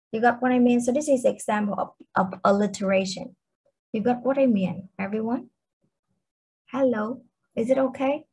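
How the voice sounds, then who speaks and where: A woman's voice: medium pitch, mellow, slightly rough, poor audio. A young woman with a Vietnamese accent teaching a literature class online, explaining patiently and checking in with her students. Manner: explains patiently, asks the class questions, fillers like okay.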